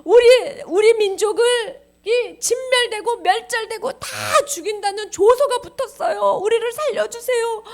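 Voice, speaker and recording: A woman's voice: very high voice, darkish tone, pitched above the performer's own voice. A woman voicing a queen who begs tearfully for her people's lives. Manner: tearful, pleading.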